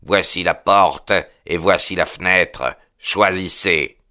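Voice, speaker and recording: A man's voice: bright, forceful tone, clear, resonant tone, full character voice. Man doing a stern, grim old farmer. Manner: low, slow and grim.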